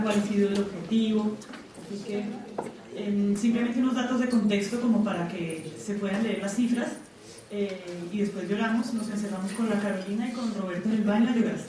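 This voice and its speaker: A woman delivers a seminar talk, explaining in a conversational way and stopping often to think. Her voice is mellow. She is recorded from a distance in a very echoey conference hall with faint background noise. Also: medium pitch, fairly quick. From Colombia. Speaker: panel presenter. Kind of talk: seminar presentation.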